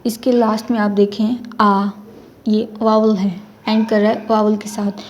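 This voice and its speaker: A young woman teaching a casual beginner language lesson, switching into English phrases and slowly drawing out example words. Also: medium pitch, little pitch movement. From Pakistan. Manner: mixes English phrases into Hindi-Urdu.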